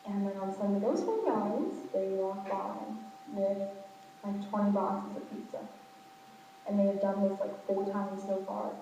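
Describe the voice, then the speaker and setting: A young woman talks in a casual, rambling student vlog, acting out bits of conversation as she goes. Her mellow voice rings with a big hall echo and sits away from the microphone. The sound is a little dull, with a faint hum. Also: medium pitch, distant mic. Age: young adult. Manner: rambling, animated retelling with quoted dialogue. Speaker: college student vlogger. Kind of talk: casual chatty video diary. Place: echoey indoor space in a college dorm, with passers-by.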